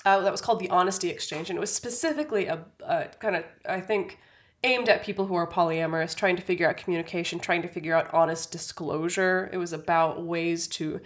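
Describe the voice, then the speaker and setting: A woman's voice: fairly low pitch, fast talker. A young adult woman co-hosting a podcast in casual chat, talking in a chatty way full of fillers. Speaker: podcast co-host.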